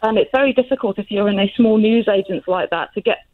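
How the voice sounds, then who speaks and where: A woman calling a radio phone-in, giving a personal account in a halting, hesitant way with frequent restarts. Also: mid-range voice. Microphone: telephone. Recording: muffled narrowband phone line.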